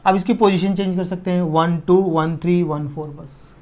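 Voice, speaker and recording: Man teaching chemistry, dictating notes slowly. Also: sits high, steady tone, a little mellow. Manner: slow dictation, drawn-out words, frequent checks for understanding. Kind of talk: whiteboard lesson, dictating notes.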